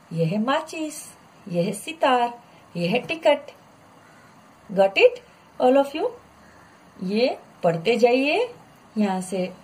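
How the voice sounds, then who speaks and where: Slow, patient woman teacher. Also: fairly high pitch, darkish tone. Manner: slow, patient, drawn-out model pronunciations; mixes English words into explanation. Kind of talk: online lesson for children.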